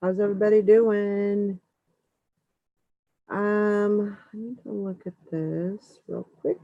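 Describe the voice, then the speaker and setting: Hosting a casual live stream, a woman chats while fussing over audio checks, her medium-pitched voice steady and slow. The dry, phone-like audio has no echo and sounds muffled, as if heard through a wall.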